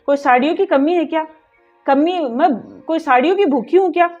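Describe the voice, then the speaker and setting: A woman's voice: high-pitched, fairly quick, darkish tone, close to an everyday voice. A woman playing an aggrieved mother-in-law who complains and scolds in a family drama. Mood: indignant. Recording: dull lo-fi audio with faint music.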